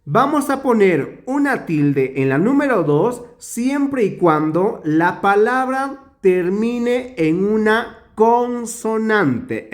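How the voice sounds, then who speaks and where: Guy teaching a grammar lesson, slow and careful, voice bounces up and down a lot, stretches words out to show stress. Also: sits high.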